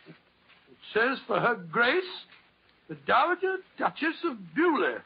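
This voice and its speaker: An actor playing a bumbling, kindly older English doctor in 1940s radio style, stammering and blustering. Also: male voice, very high voice, very animated, measured pace, creaky, breathy edge, exaggerated voice. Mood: flustered, kindly. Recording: muffled old radio recording.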